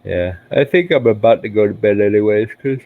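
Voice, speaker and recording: A man's voice: lowish voice, brisk, no echo, narrow, tinny audio. A tired man hosting a casual livestream, chatting loosely with a regular viewer and sighing between thoughts. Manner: relaxed, rambling, sighs often. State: tired, yawning. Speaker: livestream host.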